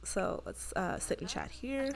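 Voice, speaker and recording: A woman hosts a life-sim game video and tells her characters' drama in a chatty, gossipy way. Her voice sits at an ordinary middle pitch. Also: a little slow, vocal fry. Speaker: let's play host. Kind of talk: gaming commentary.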